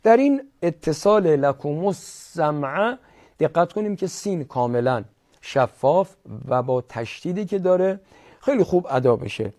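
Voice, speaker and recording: Persian man teaching Quran recitation, lively pitch. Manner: explains rules, then recites phrases slowly and drawn out. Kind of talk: tajweed lesson with slow recitation.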